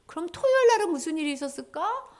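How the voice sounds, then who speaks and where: Animated woman junior pastor telling a story. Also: extremely high pitch, quick pace. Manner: animated, acts out voices of the characters. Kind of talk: children's storytelling sermon.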